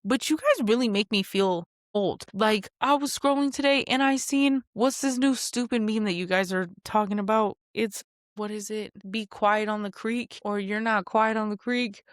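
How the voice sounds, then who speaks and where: A woman's voice: normal speed, no echo, studio quality. Chatty young woman podcast host. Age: 20s. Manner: chatty, animated, frequent asides and jumps in pitch. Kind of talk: casual solo podcast monologue.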